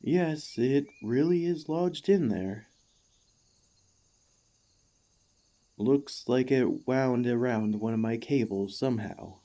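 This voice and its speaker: In an ASMR roleplay, a man voices a warforged ex-gladiator who is emotional, excitable, gentle and devoted. His speech is earnest, formal and halting, in a mid-range voice close to his everyday one. The character sounds relieved and grateful.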